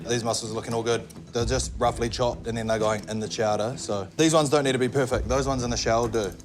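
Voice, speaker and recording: A man's voice: medium pitch, fairly even intonation, fast. A New man competing on a cooking show, laid-back and pushing back while he works. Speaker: cooking contestant. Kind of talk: reality TV kitchen talk. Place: busy competition kitchen. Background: background music.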